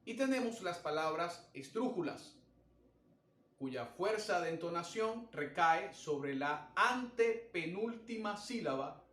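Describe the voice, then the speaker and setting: A man's voice: high voice, expressive, slow pace, a bit bright, echoey room. A man teaching a grammar lesson, explaining step by step and counting out syllables. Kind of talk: recorded language lesson.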